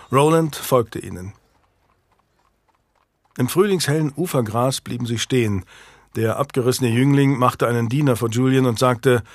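Guy reading a historical novel audiobook, measured and even, mid pitch. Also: no echo. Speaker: narrator. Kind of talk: scripted audiobook narration.

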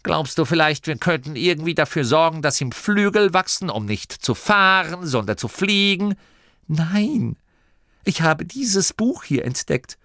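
A keen little gnome boy chirps out his ideas in a high, bouncing voice, as a male storyteller puts him on. It rises and falls a lot and sits dry in a close studio sound. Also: measured pace, no room sound. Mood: eager. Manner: high, excited, pleading.

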